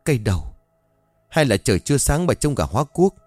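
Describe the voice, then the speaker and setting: Man playing a gruff older village man. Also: mid-range voice, sing-song, a little fast, a little mellow, no room sound, faint music behind. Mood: puzzled. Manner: blunt, dismissive.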